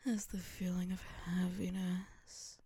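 A woman whispering a slow ASMR hypnosis roleplay, drawing out coaxing commands. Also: fairly low pitch, flat delivery, warm tone, breathy edge, no echo.

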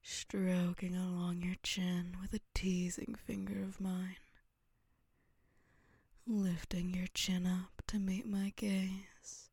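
A woman whispering a slow ASMR hypnosis roleplay, drawing out coaxing commands. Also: lowish voice, level tone, a little mellow, slightly rough, dry recording, clean studio sound.

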